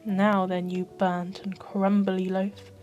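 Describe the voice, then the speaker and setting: A woman's voice: mid-range voice, flat delivery, slow pace, darkish tone, highs cut off, faint music behind, close to an everyday voice. A woman voicing a wicked, greedy old witch in a storybook, with a hissing, menacing manner. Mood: furious.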